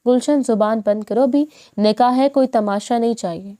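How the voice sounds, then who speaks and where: A woman voicing a stern, harried middle-aged mother who scolds her daughters in a sharp tone. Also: on the high side, natural voice. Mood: scolding.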